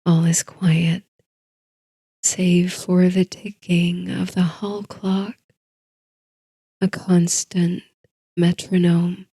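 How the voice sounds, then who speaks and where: A woman narrates a bedtime story very slowly, in a soft and soothing hush. Her voice sits on the low side and is mellow and slightly breathy. She leaves long pauses between short phrases, as a sleep story narrator does. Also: flat delivery, dry recording. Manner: soft, hushed, soothing delivery with drawn-out pauses.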